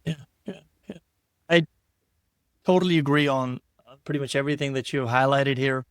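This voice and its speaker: A man's voice: mid-range voice, a little fast, clear, resonant tone, no echo, clean studio sound. A man hosting an interview podcast, talking in a loose, rambling way with repeated words and restarts. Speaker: podcast host. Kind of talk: casual interview chat.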